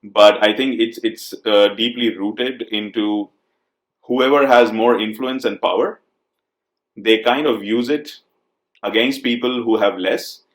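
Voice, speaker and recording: A man's voice: lowish voice, steady tone, a little slow, reverberant. A man from India hosting a conversation, thoughtful and hesitant, with many fillers and repeated words. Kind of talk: conversational interview.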